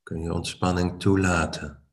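A man with a very low-pitched voice guides a relaxation exercise. His intonation stays flat and steady, with little rise or fall. He is calm and unhurried, leaving pauses between short phrases as a meditation teacher would. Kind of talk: slow guided body-scan relaxation.

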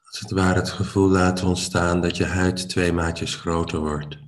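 A man with a very low-pitched voice leads a slow guided body-scan relaxation. His intonation stays flat and steady with little rise or fall, and like a meditation teacher he is calm and unhurried, pausing between short phrases.

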